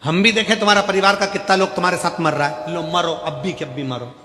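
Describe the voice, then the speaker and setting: A man's voice: sits high, fairly even intonation, fast talker, bright, forceful tone. A stern old guru barks orders and mocks with a commanding edge, as a male storyteller acts him out. His voice carries a long reverb from a large hall. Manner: commanding, teasing. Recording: echoey hall.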